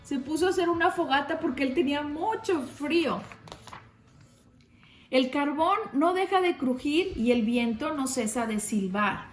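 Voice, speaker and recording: A woman reading a picture book aloud to children, gently pointing them to the pictures. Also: high-pitched, lively intonation, unhurried. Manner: gentle, addresses kids, shows pictures. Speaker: storybook reader. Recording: roomy with faint music.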